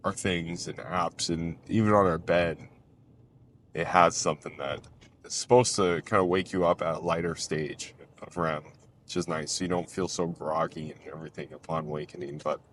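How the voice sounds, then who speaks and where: A man's voice: low voice, steady tone, normal speed, a bit bright, a little hiss or hum. A man chatting loosely in a casual vlog while driving, rambling with lots of fillers. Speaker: vlogger. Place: in a car, driving.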